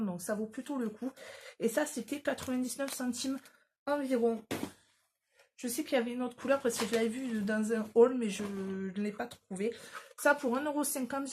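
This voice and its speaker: A woman vlogger talking casually through her shopping haul. Her voice sits a little high, and she hesitates often, filling gaps with fillers and correcting herself. Faint background noise runs under the recording. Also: darkish tone. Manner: self-deprecating about her English. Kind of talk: casual haul video chat.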